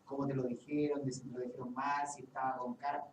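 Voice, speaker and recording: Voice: mid-range voice, flat delivery, quick pace. A workshop participant adding to a group discussion, thinking aloud with many restarts. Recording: echoey room, far from the mic, audible hiss.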